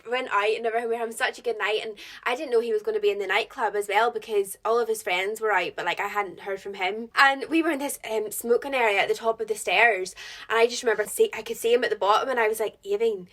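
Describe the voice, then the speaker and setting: A woman's voice: a little high, fairly even intonation, a bit bright. A young woman, co-hosting a casual podcast chat and telling stories with lots of laughter. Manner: fast, chatty storyteller, laughs often. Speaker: podcast co-host.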